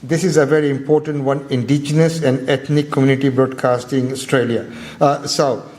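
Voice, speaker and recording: Halting male event MC addressing a gathering. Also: mid-range voice, fairly even intonation, darkish tone. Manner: halting, repeats words. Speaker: event MC introducing speakers. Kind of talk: informal, semi-improvised public address.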